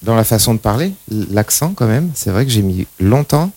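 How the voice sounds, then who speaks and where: A man from the Limousin region of France, a guest on a casual radio interview, who answers hesitantly with many pauses. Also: lowish voice, big pitch swings, a little mellow, dry recording. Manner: hesitant, many fillers and restarts. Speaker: guest, professional firefighter.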